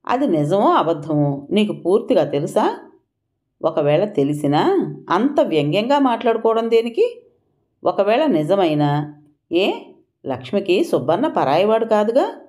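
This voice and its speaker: A woman's voice: low-pitched, expressive, moderate pace, pauses often, mellow. A woman voicing an earnest, troubled young woman who speaks sincerely and questions sharply. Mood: indignant.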